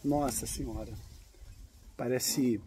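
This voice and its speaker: Slow-talking Brazilian man teaching English. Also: mid-range voice, steady tone, mellow, a little hiss or hum. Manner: explains patiently, sings lyric lines to guitar. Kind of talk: casual English lesson.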